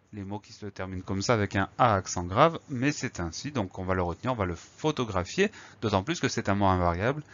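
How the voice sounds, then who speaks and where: A man's voice: fairly low pitch, fairly bright tone, dull audio. A man teaching a spelling lesson, patiently spelling words out letter by letter.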